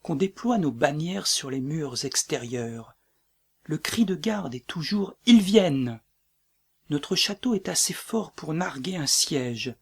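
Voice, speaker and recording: A man reading the part of a doomed tyrant king in a dramatic play reading, brooding and breaking into shouts. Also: a little high, lively intonation, unhurried, few pauses, husky, full character voice. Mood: commanding.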